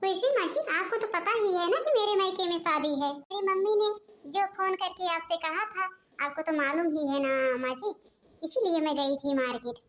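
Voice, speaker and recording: A woman's voice: extremely high pitch, moderate pace, a bit bright. A woman voicing a sassy, picky young daughter-in-law from the city in a cartoon, complaining and talking back. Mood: defiant. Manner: complaining, snappy.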